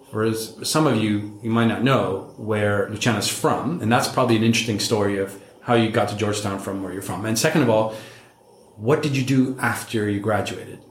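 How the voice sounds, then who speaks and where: Low-voiced man hosting a podcast. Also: echoey room. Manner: conversational, repeats words when thinking. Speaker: podcast host. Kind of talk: interview podcast.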